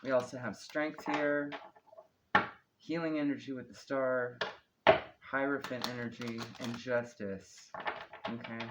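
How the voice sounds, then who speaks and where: A man's voice: mid-range voice, fairly even intonation. A man giving a casual, improvised spiritual card reading, speaking unhurriedly with retainers in his mouth that slightly slur his words, often checking in with "okay?". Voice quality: slightly slurred speech from wearing retainers. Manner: unhurried, often ends statements with a questioning "okay?". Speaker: tarot card reader, host. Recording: clearly noisy background with clicks.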